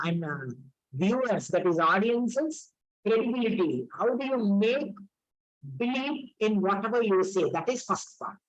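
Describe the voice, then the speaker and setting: A woman's voice: mid-range voice, low-quality recording. A woman giving a training lecture on communication skills, repeating her points and checking in with rhetorical questions.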